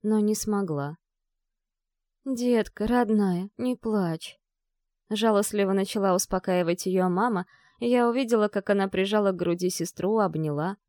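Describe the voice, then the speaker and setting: A woman's voice: medium pitch, a little fast, few pauses, a little mellow, no room sound, clean studio sound. A woman narrating a first-person story in an emotional, vivid storytelling manner.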